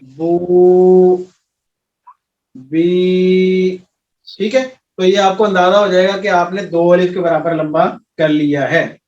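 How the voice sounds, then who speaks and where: A man teaching an Arabic recitation class, patiently repeating sounds slowly and quizzing his students. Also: high-pitched, little pitch movement. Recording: echoey room, voice from a distance, dull sound.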